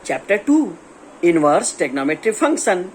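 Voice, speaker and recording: A man's voice: high-pitched, very animated, normal speed, slight background noise. A man with an Indian accent, a young adult maths teacher giving a casual exam-prep lesson, chatty and teasing, asking students' questions himself.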